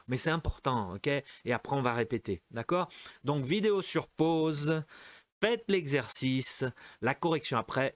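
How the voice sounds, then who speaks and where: Slow, patient teacher man. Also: mid-range voice, no echo. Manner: slow, patient, models words for repetition. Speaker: French teacher. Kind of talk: vocabulary drill lesson.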